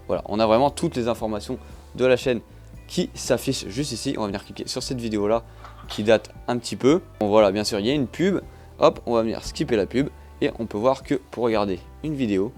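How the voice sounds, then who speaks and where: A man's voice: lowish voice, fairly quick, darkish tone, faint music behind. A man with a French accent narrating a phone review in a chatty way, asking himself questions and answering them. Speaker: tech reviewer.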